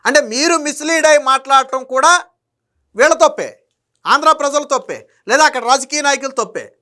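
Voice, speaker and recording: A man's voice: extremely high pitch, animated, normal speed, sharp tone. A man giving a heated political monologue, combatively firing rhetorical questions at someone who isn't there. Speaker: political commentator.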